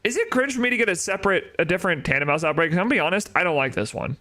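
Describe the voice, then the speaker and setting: A man's voice: high voice, expressive, rapid-fire, pushed and bright. A young man, chatting casually on a live stream, opinionated and answering his chat with rhetorical questions. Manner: opinionated, talks back to chat with rhetorical "right?".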